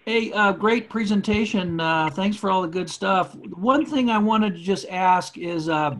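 A man's voice: high voice, measured pace, fairly bright tone. A man giving casual, friendly-worded feedback as a webinar attendee. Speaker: audience member giving feedback. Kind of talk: casual question-and-answer chat.

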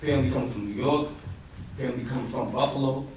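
A man's voice: mid-range voice, steady tone, fast talker, noisy background. A young man, the groom, thanking his guests in a loose, slangy, laughing speech. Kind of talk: casual wedding reception speech. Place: wedding reception hall. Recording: echoey hall, distant mic, crowd behind.

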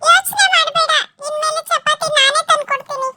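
A woman voicing her cheeky, sulky male pet dog in a whiny, childlike squeak with a rural Karnataka Kannada accent. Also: brisk, over loud music.

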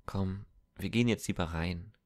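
A man reading a gentle, earnest older brother. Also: deep voice, normal speed, close to an everyday voice. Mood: urgent. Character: kind, thoughtful teenage boy, older brother.

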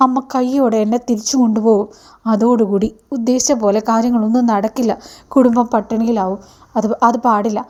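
A woman's voice: on the high side, dark tone, lightly acted. A woman voicing a worried young woman who pleads earnestly, in a retelling of a TV serial.

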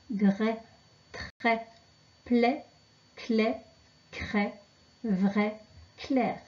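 A woman teaching children to read, pronouncing syllables and words slowly and carefully. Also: medium pitch, dark tone, lo-fi sound. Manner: slow, carefully articulated dictation. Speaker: reading teacher. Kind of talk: slow reading lesson for children.

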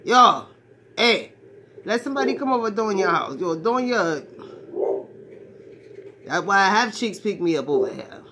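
A woman with a medium-pitched, bright, forceful voice speaks at a measured pace, pausing often, with big swings in pitch. She plays a crude, brash man in his forties who talks like a swaggering ladies' man, in a comedic monologue to a phone at arm's length in a small, cluttered bedroom, with slight background noise.

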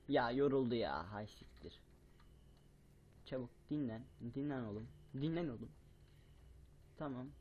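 A young man commentating a horror game, swearing a lot, yelling at scares and muttering between them. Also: medium pitch, highs cut off. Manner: swears a lot, panics and yells at scares, then mutters quietly. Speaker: gaming YouTuber.

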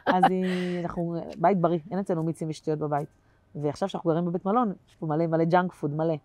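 A woman comedian chatting as a guest in an interview, telling animated stories that swing between loud bursts and quiet asides, with plenty of slangy fillers. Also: on the low side. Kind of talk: casual interview chat.

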